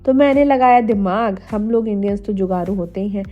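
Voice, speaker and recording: A young woman from India, slightly hoarse from a cold, chatting to viewers in a casual cooking vlog voice-over. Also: mid-range voice, brisk, dull audio. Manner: chatty, addresses viewers directly. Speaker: homemaker vlogger. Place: voice-over, not recorded in the pictured kitchen. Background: faint music.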